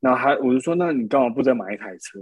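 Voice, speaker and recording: Guy talking fast on a podcast, kinda husky, dry close mic. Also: medium pitch, dry recording. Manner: animated storytelling with frequent laughs. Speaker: podcast co-host. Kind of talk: casual chat.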